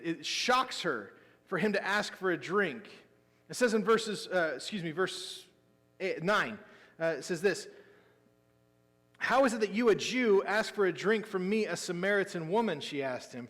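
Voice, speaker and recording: A man preaching a sermon as pastor, telling the story with lively emphasis that drops into quiet asides. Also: high voice. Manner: animated storytelling, swinging between loud emphasis and quiet asides. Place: church sanctuary. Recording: long hall reverb.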